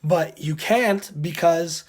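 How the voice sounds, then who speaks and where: A man with a hoarse, sick voice that is giving out gives casual commentary as a game reviewer, often clearing his throat. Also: fairly high pitch, slow.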